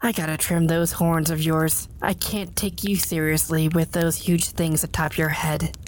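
A man's voice: a little high, flat delivery, measured pace, pitched above the performer's own voice, lightly acted. A man voicing a brash, cheeky teenage girl who travels through time, with a sassy, mocking way of talking. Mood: teasing. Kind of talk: audiobook narration.

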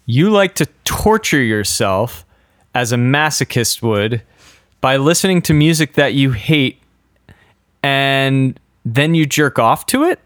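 A man's voice: medium pitch, lively intonation, slow pace, no echo. A man co-hosting a podcast in casual chat, dry and teasing, reading out old notes. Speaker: podcast co-host.

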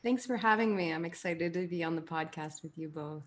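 A woman from Colorado, a yoga therapist guesting on a podcast, speaking in a relaxed, playful way. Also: fairly low pitch, a little fast. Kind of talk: casual interview chat.

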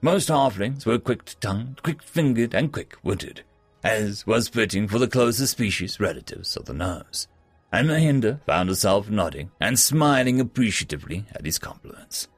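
A man's voice: mid-range voice, no room sound. A man narrating a fantasy story as a storyteller.

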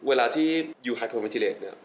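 In a low-quality recording with slight background noise, a young man speaks at a measured pace in a lowish voice. He is a wellness guest on a podcast, chatting casually and mixing in English. He sounds enthusiastic, laughing often and repeating words for emphasis.

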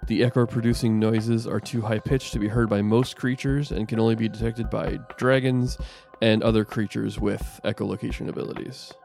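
A man's voice: on the low side, fairly even intonation, normal speed, vocal fry, hardly any pauses, a little mellow, faint music behind. A man playing a tabletop game, describing his character's actions with a laugh. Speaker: player. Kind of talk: casual tabletop chat.

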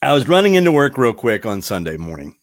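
A man's voice: medium pitch, big pitch swings, fast, dry recording, clean studio sound. A man hosting a casual podcast chat, rambling and wandering off on tangents. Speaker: podcast host.

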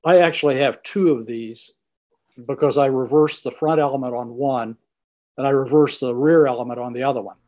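A man's voice: medium pitch, fairly even intonation, brisk, a little mellow. A man talking casually as a podcast co-host. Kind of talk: casual chat.

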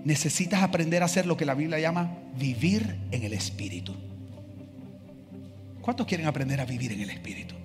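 A man preaching a sermon as pastor, animated, acting out the voices in his stories. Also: a little high, fairly quick. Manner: animated, acts out voices in dialogue. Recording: long hall reverb, faint music.

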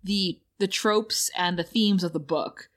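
A young woman co-hosting a casual movie review chat, animated and laughing often. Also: fairly low pitch, measured pace. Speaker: podcast co-host.

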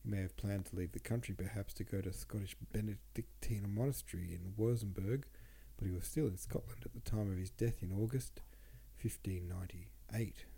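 Gravelly and slightly rough, this man's fairly low voice moves at a moderate pace with few pauses. He hosts a podcast where he reads old poetry aloud, breaking off for relaxed commentary, and he sounds congested and sniffly.

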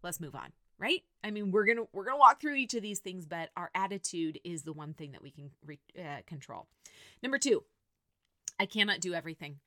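Woman, thirties, podcast host, earnest, lively pitch, dry close recording. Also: fairly quick, no echo. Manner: earnest, animated, talks to listeners directly. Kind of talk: faith-based personal reflection.

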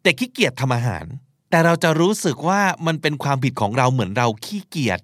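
A man's voice: mid-range voice, sing-song, quick pace, no echo, clean studio sound. A man hosting a podcast, teaching and explaining vocabulary, spelling out words and acting out short examples. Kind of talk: explanatory language lesson talk.

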